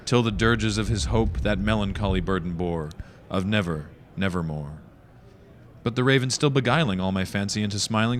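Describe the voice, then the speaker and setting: Hammy, theatrical man reciting dramatic poetry over noise. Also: on the low side. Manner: hammy stage-actor delivery, theatrical and declamatory.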